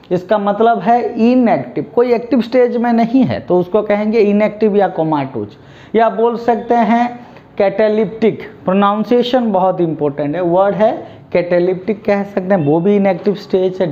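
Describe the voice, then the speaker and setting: A high-voiced man with an Indian accent gives a vocabulary lesson. He moves slowly through each word and has the class say it back. The recording sounds dull and lo-fi. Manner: drills words, asks the class to repeat them; mixes Hindi and English. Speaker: English vocabulary teacher.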